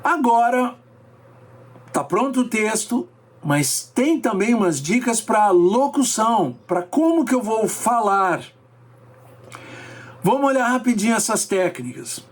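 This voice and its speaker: Um homem com sotaque brasileiro, professor de técnicas de fala, dando uma aula e variando o ritmo e a altura da voz para dar ênfase. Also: male voice, takes it slowly. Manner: lively, varies pace and pitch for emphasis. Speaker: speaking coach. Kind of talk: teaching lesson.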